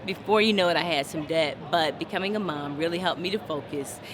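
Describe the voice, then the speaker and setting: A woman's voice: sits low, a little fast, background noise. A woman being interviewed tells a candid, reflective personal story.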